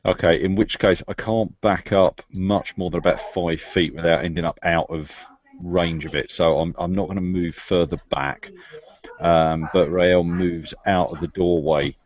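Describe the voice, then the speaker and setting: A man playing a tabletop game, deliberately planning his moves aloud. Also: low-pitched, steady tone, darkish tone. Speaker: player. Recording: dull lo-fi recording.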